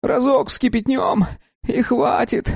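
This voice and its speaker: A man voicing a reckless young male addict, a cocky hustler with a high, brash voice. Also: fairly even intonation, takes it slowly, creaky, slightly rough, dry recording, studio quality, heavily acted. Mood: scheming.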